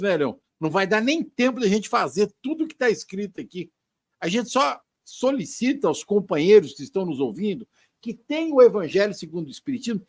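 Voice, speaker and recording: A man's voice: high-pitched, no room sound. A man co-hosting a religious talk program, friendly and teasing, then reading a passage aloud. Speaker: co-host. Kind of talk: casual religious talk show.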